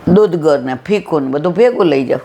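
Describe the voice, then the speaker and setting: A woman's voice: low voice, lively intonation, fairly quick, dark tone. A woman giving a devotional satsang talk, telling anecdotes with acted-out dialogue and rhetorical questions. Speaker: satsang speaker.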